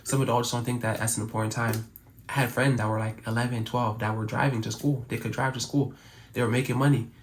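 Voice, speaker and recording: A man's voice: medium pitch, flat delivery, fast talker, a little hiss or hum. A young man from Cameroon whose first language is French, talking earnestly to camera in a casual, reflective way. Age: young adult. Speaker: YouTuber.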